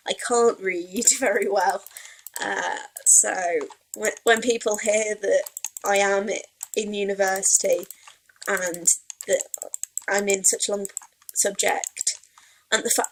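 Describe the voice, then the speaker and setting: The recording is low quality, with a little hiss or hum, and carries a medium-pitched voice. It belongs to a young adult let's play gamer from Wales who rambles casually and self-deprecatingly over her gameplay, her Welsh accent touched by Yorkshire.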